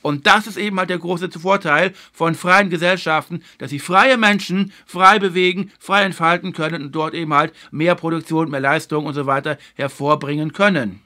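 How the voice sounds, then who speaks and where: A man hosting a video lecture series, explaining history in a measured way and stressing his key points. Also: fairly high pitch, steady tone, sharp tone. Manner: filler phrase "eben halt".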